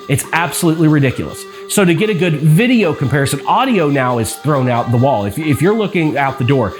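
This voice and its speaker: A man vlogging a camera review, talking casually and rambling with frustration. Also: medium pitch. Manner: frustrated, rambling, animated explaining.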